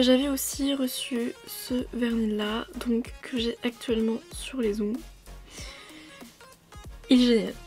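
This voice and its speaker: A woman talks casually to her viewers in a fairly high voice, wandering from point to point with plenty of fillers. She speaks into a proper microphone, with faint music playing quietly underneath. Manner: chatty, rambling, with frequent fillers. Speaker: beauty vlogger. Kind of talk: casual chat to camera. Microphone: new proper microphone.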